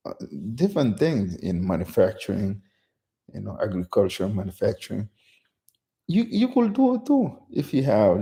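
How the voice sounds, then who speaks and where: A man's voice: fairly low pitch, creaky, warm tone. A man from Guinea hosting his first casual solo live stream, talking off the cuff with many restarts and "you know". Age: middle-aged. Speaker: channel host.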